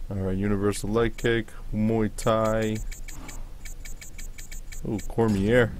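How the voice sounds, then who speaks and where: A man's voice: fairly low pitch, darkish tone, a little hiss or hum. A man hosting a gaming video with casual commentary, reacting aloud to what appears on screen.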